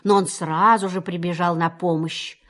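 A woman reading a children's story aloud in an expressive storytelling manner. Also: on the low side, moderate pace.

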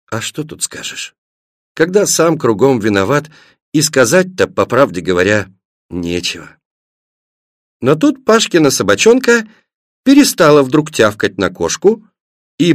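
A man narrating a children's story in an expressive reading, shifting his delivery between scenes. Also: medium pitch, no room sound, studio quality. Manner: expressive, varied reading with voiced characters.

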